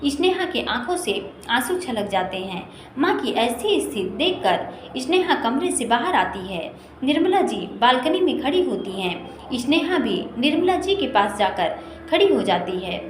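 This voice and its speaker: A woman reading a family story aloud as a storyteller, steady and expressive. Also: sits high, measured pace. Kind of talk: storybook narration. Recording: echoey room with faint noise.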